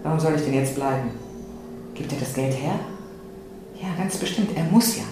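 A woman giving a first-person literary reading, with an expressive delivery that swings between anxious and defiant. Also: extremely low pitch, normal speed, noisy background. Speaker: reader. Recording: very echoey room, faint ambience.

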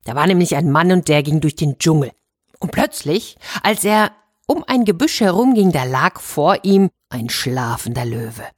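A woman hosting a children's storytelling show, addressing her young listeners directly and telling a short tale with lively expression. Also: sits low, moderate pace, slightly rough, no room sound, clean studio sound.

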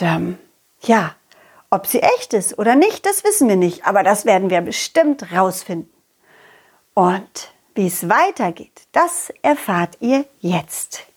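A woman's voice: mid-range voice, husky, exaggerated voice. A woman playing a bouncy cartoon dog. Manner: bouncy, sing-song, talks straight to children. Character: cheerful young male dog, playful and excitable. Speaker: storyteller for children. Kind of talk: children's audio story told in character.

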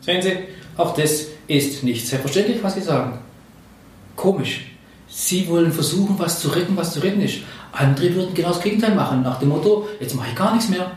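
A man's voice: fairly high pitch, expressive, fairly quick. A man hosting a podcast, explaining and asking questions like a leadership trainer. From Swabia, Germany. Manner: explanatory, asks questions, coaching tone. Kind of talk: conversational podcast talk. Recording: very echoey room, distant mic.

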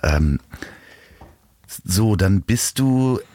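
A man's voice: fairly low pitch, expressive, very slow, dark tone, no room sound. A man hosting a casual interview and asking curious, probing questions.

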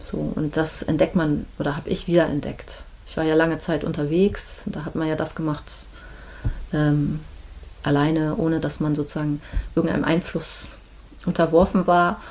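A midwife from Hamburg, Germany, appears as an easygoing podcast guest in a casual conversation. Her voice is fairly low and a little mellow, and she speaks thoughtfully, often pausing and hesitating while searching for words.

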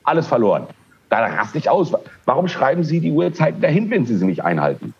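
A man's voice: medium pitch, a little fast, husky, lo-fi sound. A man co-hosting a podcast, ranting animatedly in casual chat and often stumbling over his words. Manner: animated ranting, frequent hesitations. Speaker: podcast co-host.

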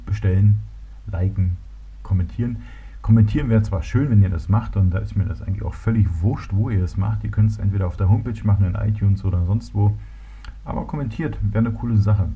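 A podcast host from Berlin, Germany, talks casually on his solo show in a fairly low, husky voice. He sounds relaxed but hesitant, with many fillers and restarts, and the recording has a tinny, phone-like quality.

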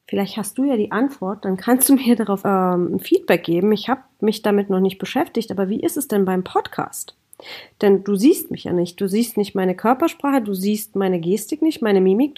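A woman's voice: mid-range voice, a little mellow. Lady podcaster talking straight at you, laying stuff out point by point. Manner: explains in lists, addresses listener directly. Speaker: podcast host. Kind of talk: informal podcast lecture.

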